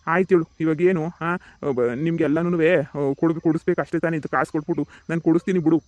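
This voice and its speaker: A man plays a harried village husband in a cartoon comedy, placating and grumbling to himself. He talks fast in a slightly raised voice. The recording is dry and close. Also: on the high side, steady tone, a little mellow, no room sound, close to an everyday voice. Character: harried middle-aged village husband caught between women.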